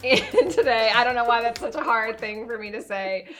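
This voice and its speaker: A woman's voice: a little high, moderate pace, a bit bright, soft background music. A woman from Michigan hosting a casual interview, asking chatty, rambling questions. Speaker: host.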